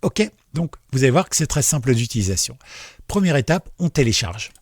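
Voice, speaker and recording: Chatty husky man explaining tech. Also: medium pitch, big pitch swings, a little fast, no echo, studio quality. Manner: chatty, reassuring, with many fillers and asides. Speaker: tech tutorial host. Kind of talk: casual screen-share tutorial.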